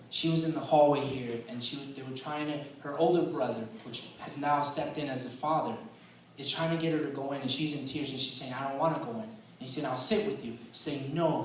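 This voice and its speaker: A man preaching a sermon in a conversational storytelling way, often saying "man" and repeating words, and getting loud and intense to drive a point home. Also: medium pitch, slight background noise. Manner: rises loud and intense for emphasis. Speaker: guest preacher. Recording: echoey hall, voice picked up from a distance.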